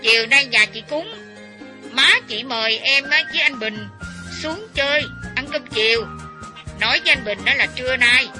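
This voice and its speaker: A man voicing a bossy young woman who shouts commands over a phone line. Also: extremely high pitch, pitched above the performer's own voice. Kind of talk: audiobook character voice.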